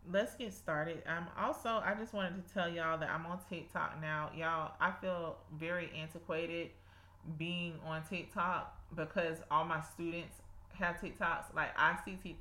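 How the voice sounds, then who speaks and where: Casting: woman, 30s, South Georgia accent, forceful low voice, homespun faith podcaster, roomy sound. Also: steady tone, slow. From south Georgia, United States. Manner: folksy, addresses listeners as y'all. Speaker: podcast host. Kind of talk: casual devotional podcast with prayer.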